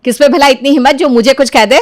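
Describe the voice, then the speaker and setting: A woman voicing a proud, bossy young sister-in-law in a cartoon story, sharp-tongued. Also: high voice, fast, close to an everyday voice. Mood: haughty. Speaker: Swati, elder sister-in-law.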